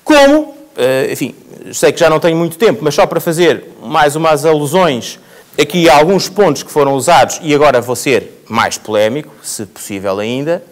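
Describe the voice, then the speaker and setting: A man's voice: on the high side, expressive, moderate pace. A man speaking at a public debate, arguing his points and hammering them home by repeating them. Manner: argumentative, builds points by repetition. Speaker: panel speaker. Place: theatre stage.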